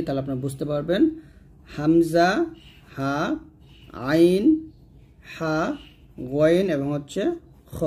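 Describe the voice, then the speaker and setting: A man teaching Quran recitation rules, explaining patiently step by step and slowly chanting the example words in between. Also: fairly high pitch, darkish tone. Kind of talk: tajweed lesson with recited examples.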